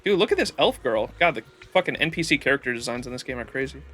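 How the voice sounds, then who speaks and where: A man's voice: medium pitch, expressive, quick pace, fairly bright tone, soft background music. A man streaming a video game with casual, sweary, slangy commentary and reading dialogue aloud.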